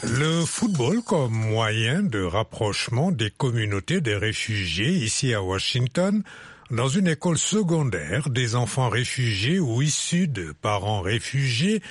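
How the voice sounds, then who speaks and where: Husky-voiced male radio news anchor. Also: medium pitch, no room sound. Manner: measured, formal delivery. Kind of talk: scripted radio news presentation.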